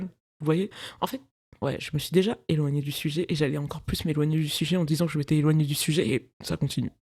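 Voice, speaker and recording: A woman's voice: low voice, a little mellow. A young woman in her twenties chats alone into the mic from her bedroom, hosting her own podcast. She wanders from topic to topic in loose, slangy talk and laughs often at herself. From France, of Cameroonian parents. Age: 20s. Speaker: podcast host. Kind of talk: casual solo podcast chat.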